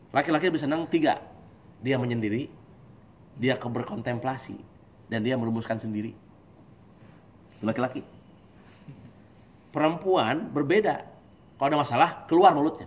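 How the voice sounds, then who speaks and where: A man giving a lively, joking religious study talk, acting out husband and wife voices. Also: mid-range voice, a little fast, long pauses, a little hiss or hum. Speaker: preacher.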